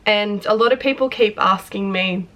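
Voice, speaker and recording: Hoarse young woman, bright and emotional. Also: mid-range voice, moderate pace. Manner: candid, rambling, emotional. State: hoarse with flu. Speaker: vlogger and personal trainer. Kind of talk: personal story vlog. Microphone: front camera close up.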